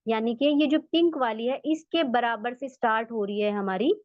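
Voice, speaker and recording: Speaking at an ordinary pace in a fairly high voice, this Urdu-accented woman guides listeners through Quran recitation one step at a time, patiently repeating sounds so they can practice. The recording is dry, echo-free, and dull in a lo-fi way.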